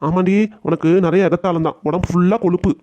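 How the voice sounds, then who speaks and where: திருநெல்வேலி வட்டார வழக்கில், மனைவியைக் கடுமையாகத் திட்டும் வயதான தாத்தாவாக ஒரு ஆண் குரல் கொடுக்கும் cartoon. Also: male voice, high-pitched, fairly even intonation, quick pace, warm tone, close to an everyday voice. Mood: angry. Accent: Tirunelveli Tamil. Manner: gruff, scolding. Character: blunt older grandfather scolding his wife.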